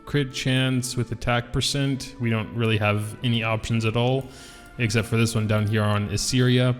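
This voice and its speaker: A man hosting a gaming video with casual, rambling commentary, thinking aloud, his voice echoing with heavy reverb like a big hall. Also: medium pitch. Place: reverberant indoor room. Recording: big hall echo, reverberant room, music behind. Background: music.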